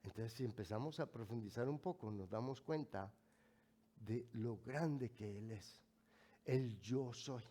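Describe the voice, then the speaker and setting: A man with a Mexican accent preaching a sermon as pastor, speaking in a slow, emphatic way with asides to the congregation. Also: mid-range voice, dark tone.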